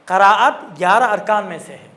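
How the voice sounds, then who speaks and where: A man's voice: high-pitched, sharp tone. A man teaching a classroom lesson on Quran recitation, explaining patiently and repeating his points.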